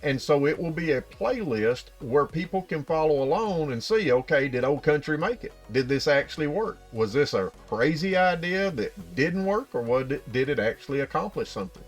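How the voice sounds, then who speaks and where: A man's voice: fairly high pitch, lively intonation, normal speed, hardly any pauses, soft background music. A man with an Appalachian hillbilly accent talking casually and folksily to viewers as a channel host, explaining things directly.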